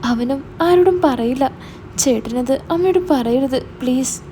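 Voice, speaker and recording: A woman's voice: high-pitched, moderate pace, warm tone, a little hiss or hum, close to an everyday voice. A woman voicing a scared teenage younger sister who pleads and hesitates. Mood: pleading.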